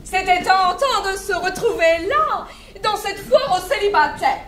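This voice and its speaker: A woman's voice: very high voice, lively intonation, measured pace, fairly bright tone, full character voice. An actress playing a playful woman in a stage farce, with projected theatrical delivery. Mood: cheerful. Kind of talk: stage play acting. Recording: echoey stage recording, faint noise.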